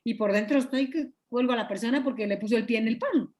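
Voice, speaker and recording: A woman's voice: fairly high pitch, quick pace, darkish tone. Earnest woman teaching a Bible study. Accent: Guatemalan Spanish. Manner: earnest, confiding, acts out quoted dialogue; clears throat often. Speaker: pastor's wife leading a Bible study. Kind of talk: Bible study teaching over video call. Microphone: video call.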